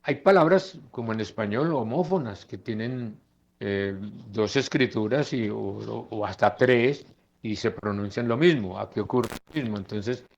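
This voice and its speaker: A man teaching English phonetics in a lecture, slowly modelling English words aloud as he goes through slides. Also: on the low side, creaky, highs cut off.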